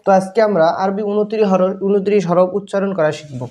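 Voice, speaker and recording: A man teaching Arabic letter pronunciation, slowly repeating each sound many times in a patient, instructive drill. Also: high voice, fairly even intonation, dark tone. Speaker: Quran teacher. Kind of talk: slow repetitive letter drill.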